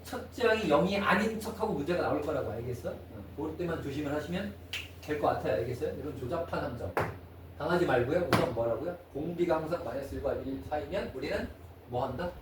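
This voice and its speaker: High-voiced man teaching math. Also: expressive, quick pace. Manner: asks students constant check-in questions. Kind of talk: classroom lecture. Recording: echoey room, mic far off, faint noise.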